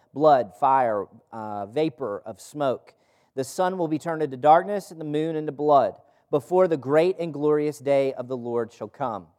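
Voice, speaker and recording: The speaker is a man with a medium-pitched, darkish voice, leading a group Bible study in a room. His sermon is informal teaching with scripture reading, and his conversational style features rhetorical questions and phrases repeated for emphasis.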